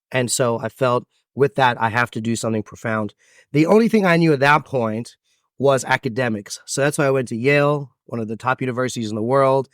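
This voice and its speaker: A man in his thirties with an American accent appears as a podcast guest and event MC, answering interview questions through stories. His medium-pitched voice is animated and expansive, with dramatic pauses, captured on a close, dry mic with no room sound.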